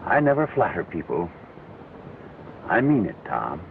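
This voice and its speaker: An old blind marksman from a 1930s western, earnest and resolved. His voice is low and swings widely as he speaks slowly and deliberately. It comes through an old, tinny film soundtrack. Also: wildly swooping pitch, creaky, slight background noise, heavily acted. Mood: confiding.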